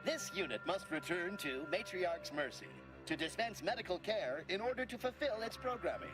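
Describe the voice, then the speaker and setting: A broken medical robot that is booting up and reporting errors in stiff, formal speech. The voice sits a bit high and swings widely in pitch. Game music plays behind. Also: male voice, animated, normal speed, poor audio. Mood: malfunctioning. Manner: stiff, formal robotic phrasing, calls itself this unit. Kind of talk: video game dialogue.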